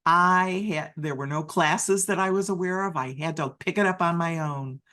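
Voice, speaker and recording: The voice is mid-range, pushed and bright: an interpreter rendering a deaf person's first-person story aloud. They speak haltingly, often starting over and correcting themselves.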